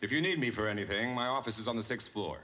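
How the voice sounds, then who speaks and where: An actor playing a formal, officious building manager in a film. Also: male voice, medium pitch, quick pace, pushed and bright, lightly acted. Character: pompous, formal male property manager.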